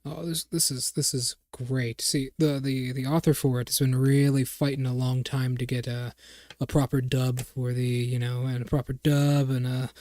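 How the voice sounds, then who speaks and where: Male GM plays an excitable female ghost fangirl, rambling, dry close sound. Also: medium pitch, normal speed, dry recording, close to an everyday voice. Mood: gushing. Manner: gushing, rambling.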